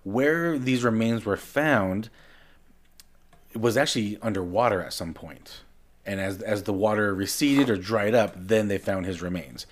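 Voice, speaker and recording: A lower-voiced man chatting animatedly. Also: measured pace. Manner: animated, repeats words and restarts often. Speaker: podcast co-host. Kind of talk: casual chat.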